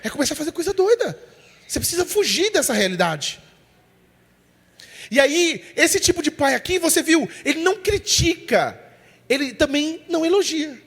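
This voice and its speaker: A man's voice: extremely high pitch, sing-song, normal speed, fairly bright tone, long reverb tail. A man from preaching a sermon. He speaks emphatically, calls listeners "brother" and acts out the voices of the people he describes.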